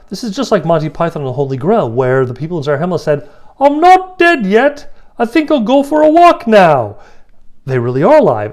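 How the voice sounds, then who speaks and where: A man's voice: medium pitch, a little mellow. Chatty man retelling scripture casually. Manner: chatty, paraphrases with playful voices. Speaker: scripture teacher.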